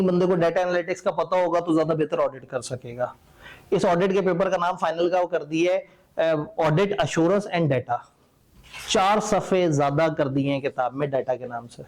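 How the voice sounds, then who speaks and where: A man's voice: fairly high pitch, a little mellow. A man lecturing accountancy students in a conversational, wry and opinionated way. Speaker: teacher.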